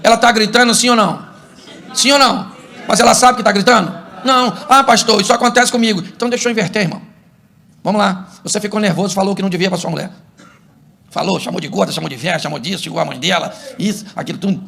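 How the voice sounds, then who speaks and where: A middle-aged Brazilian man, a pastor, preaching a humorous sermon and acting out couples' arguments in an animated way. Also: high-pitched, fast talker, vocal fry. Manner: animated, acts out couples' quarrels for laughs.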